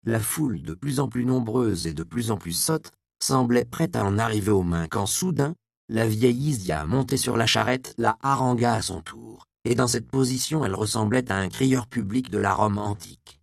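A man reading a dark story aloud as scripted narration, grave and measured. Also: fairly low pitch, creaky, no echo, studio quality.

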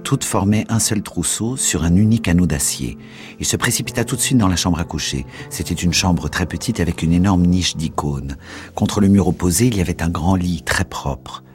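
A man giving a measured, dramatic scripted narration of a novel. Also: deep voice, darkish tone, faint music behind. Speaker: audiobook narrator.

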